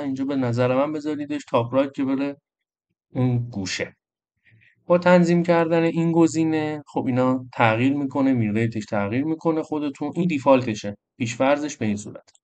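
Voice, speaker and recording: A man's voice: mid-range voice, a little mellow. A man hosting a trading channel, walking viewers through an indicator in a casual, chatty screen-recorded tutorial. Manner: casual, addresses viewers as friends.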